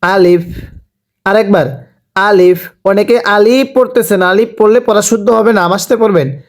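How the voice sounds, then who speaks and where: A man teaching Arabic letters, calling each one out slowly and having the learners repeat after him. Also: high-pitched. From Bangladesh. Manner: slow drawn-out letter calls, repeated prompts. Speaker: Quran reading teacher. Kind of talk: letter-by-letter recitation lesson.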